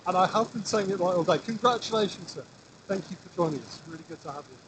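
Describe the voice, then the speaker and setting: High-pitched, showy male event host over engine noise. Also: animated, fast, fairly bright tone, low-quality recording. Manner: showy, upbeat party-host patter to a crowd. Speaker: event host and announcer at a drone race prize-giving. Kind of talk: live prize-giving announcing. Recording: clear engine and vehicle noise.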